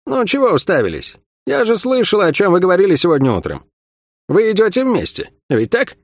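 A man voicing a gruff, weary female assassin who grumbles and snaps sarcastically in an audiobook. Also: high-pitched, animated, normal speed, no room sound, studio quality, voice pushed up. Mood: grumbling.

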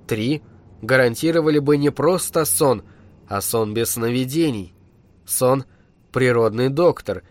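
A man in a measured, dark storytelling manner, reading an audiobook as narrator. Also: mid-range voice. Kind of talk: scripted narration.

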